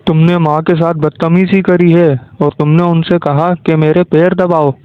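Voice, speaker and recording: A woman's voice: low-pitched, level tone, normal speed, smooth, dry recording, pitched below the performer's own voice, natural voice. A woman voicing a grown son who earnestly argues and reasons with his mother and wife, in a cartoon story. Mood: exasperated. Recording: thin phone-like lo-fi sound.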